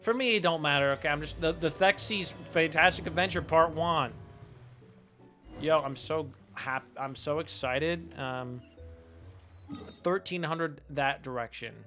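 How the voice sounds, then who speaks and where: A man's voice: fairly high pitch, a little slow, pushed and bright, faint music behind. A man streaming a game, chatting casually in a rambling, self-mocking way. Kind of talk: casual gameplay commentary.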